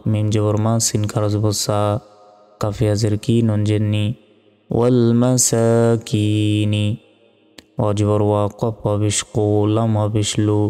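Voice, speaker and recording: A man with a Bangladeshi accent works through a spelling-out recitation lesson, one letter and vowel at a time. His voice is smooth, mellow and dark, and it stays flat and slow. A long reverb trails behind him over faint background music. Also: on the low side. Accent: Bangladeshi Bengali. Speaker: Quran reading teacher.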